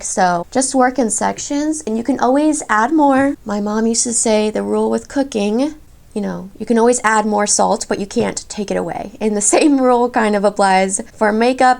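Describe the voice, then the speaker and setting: A beauty vlogger in her thirties chats her way through a makeup tutorial, gushing over each product as she applies it. Her slightly high, a little mellow voice slips into gravelly fry, and she sounds a bit congested from getting over a cold.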